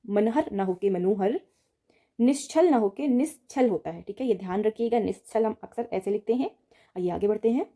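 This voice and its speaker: A woman's voice: a little high, brisk. A woman teaching an exam-prep Hindi spelling lesson, patiently repeating each word and often checking in with her students. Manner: addresses students directly, steady explaining tone.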